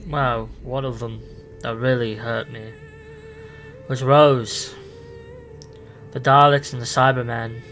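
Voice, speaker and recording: A man playing the Doctor, an ancient, restless and lonely alien time traveller, talking in halting, rambling bursts full of restarts over background music. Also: medium pitch, fairly bright tone, lightly acted. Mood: wistful. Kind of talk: improvised fan audio drama.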